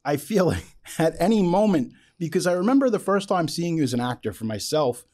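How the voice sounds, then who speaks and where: A podcast host with a fairly high, slightly mellow voice speaks briskly and with animation. He delivers a prepared introduction for his interview show, effusive and reverent, with dramatic emphasis and real enthusiasm.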